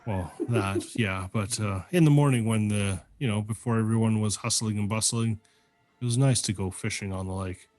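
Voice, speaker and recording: Laid-back male game master, lower voice, rambling narration. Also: normal speed, a little mellow, faint music behind.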